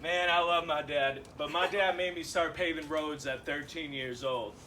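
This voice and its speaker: A young stand-up comedian with a slightly high, steady, bright and forceful voice performs a loose set on a comedy club stage before a live audience. He swears and laughs through his punchlines into a handheld mic, recorded from a distance with live room noise clearly audible.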